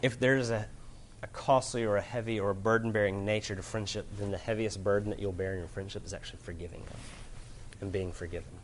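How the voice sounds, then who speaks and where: Earnest low-voiced man preaching. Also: fairly even intonation, fast, slight background noise. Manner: earnest, swings from loud emphasis to quiet gravity. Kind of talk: sermon. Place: room with an audience.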